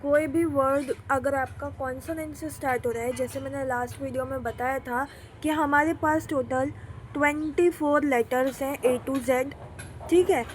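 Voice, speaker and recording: A woman with a high voice runs a beginner grammar class. She keeps asking the class rhetorical questions and then answers them herself, and she reads each example sentence slowly and deliberately. Faint noise hums under the recording. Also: fairly even intonation. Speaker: English teacher. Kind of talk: classroom lesson explaining grammar.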